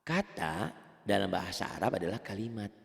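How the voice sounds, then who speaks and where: Patient male recitation teacher, gravelly. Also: fairly low pitch, big pitch swings, a little fast, in a large hall. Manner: patient, repeats and quizzes the student. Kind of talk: one-on-one tajwid lesson.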